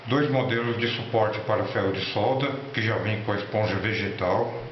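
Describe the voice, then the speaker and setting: A Brazilian man with a lowish voice presents in an informal, instructional style, sometimes halting as he goes. The recording is quite echoey, with a faint layer of noise behind him. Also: dull audio. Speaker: electronics hobby presenter. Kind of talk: informal tutorial narration and product showcase.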